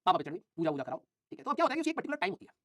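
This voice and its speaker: A man's voice: very high voice, big pitch swings, rapid-fire, gravelly, fairly bright tone, dry recording. Male teacher, rattling off a self-mocking comic story to students at top speed, dry and close. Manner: joking, self-mocking, chatty.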